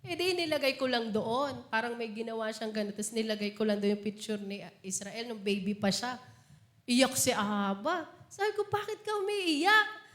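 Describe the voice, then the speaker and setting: High-voiced woman preaching in an echoey hall. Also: normal speed. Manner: Taglish preaching with personal anecdotes, laughing. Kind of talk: sermon. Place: church.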